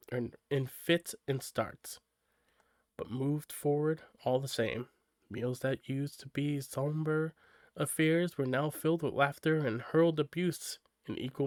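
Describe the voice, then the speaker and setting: A man's voice: fairly high pitch, no room sound. A man reading a story aloud on a live stream, casual and tripping over words now and then. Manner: casual, stumbles and self-corrects while reading.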